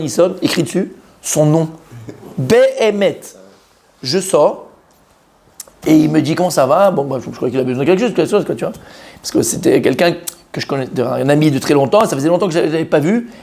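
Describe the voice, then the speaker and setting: Fast-talking rabbi telling a story. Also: male voice, on the high side. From Israel. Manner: animated storyteller who acts out quoted voices. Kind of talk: storytelling sermon.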